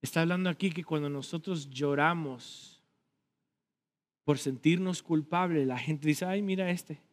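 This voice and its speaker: A pastor delivering an emphatic sermon, swelling in loudness and repeating words for emphasis. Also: male voice, on the high side, a little slow.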